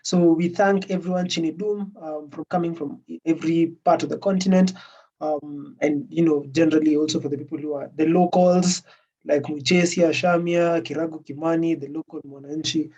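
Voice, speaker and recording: A man's voice: on the high side, fairly even intonation, moderate pace, mellow. A man with an East African accent gives hesitant closing remarks as a workshop organizer on a video call. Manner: hesitant, many fillers. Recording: muffled distant online call audio.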